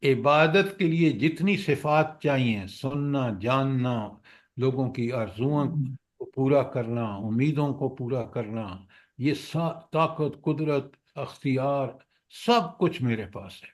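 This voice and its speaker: Man giving a lively Quran lecture. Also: mid-range voice. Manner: asks the class questions, recites verses slowly. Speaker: Quran teacher.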